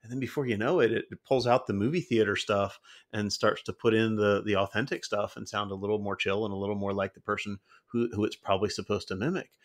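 A man with a lowish voice chatting loosely as a podcast co-host. He talks candidly and with no filter, running long stories together. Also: fairly even intonation, fast talker. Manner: candid, self-described unfiltered. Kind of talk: casual podcast chat.

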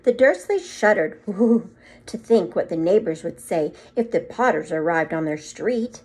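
Speaking a little slowly in a lowish, husky voice, a middle-aged woman reads a children's story aloud to her second graders. She acts it out with animation and adds short asides, while a phone or tablet at arm's length records her in a small room at home.

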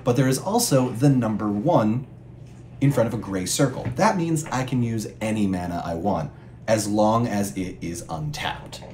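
A man's voice: lowish voice, expressive, normal speed, a little mellow. Man patiently explaining game rules. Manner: clear, patient rule explanations with playful asides. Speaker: guest co-player explaining the rules. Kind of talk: casual explanatory chat. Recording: echoey room with faint background hum.

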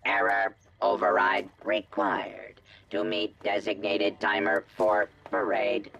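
An actor voicing a malfunctioning male festival robot that glitches and repeats error messages in a halting, robotic monotone, in a video game. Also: lowish voice, gravelly, distant mic, exaggerated voice. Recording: game audio, loud gunfire behind.

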